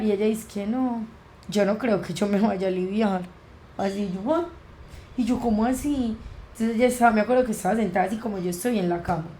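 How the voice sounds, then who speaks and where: Young woman, Colombian accent, mellow warm tone, podcast guest, personal storytelling, acts out quoted dialogue. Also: mid-range voice, slight background noise. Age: young adult.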